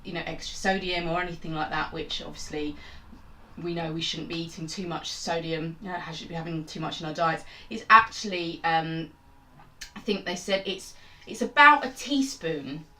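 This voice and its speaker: A woman's voice: sits low, normal speed, bright, forceful tone, far from the mic. Chatty woman in an echoey kitchen. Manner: chatty and rambling, self-mocking asides. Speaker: home cook and channel host. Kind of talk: casual cooking demonstration. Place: small home kitchen.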